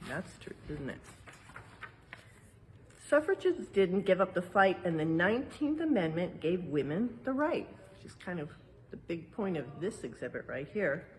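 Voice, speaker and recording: A woman with an American accent, working as a museum educator, reads a picture book aloud and explains it simply for young listeners with explanatory asides. Her voice is fairly low and very animated, at a moderate pace, with a little hiss or hum.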